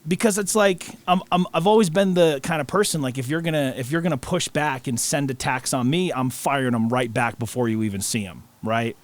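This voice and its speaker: A man's voice: mid-range voice, a little fast, hardly any pauses. A man co-hosting a podcast, chatting casually in an earnest, storytelling way. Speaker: podcast co-host.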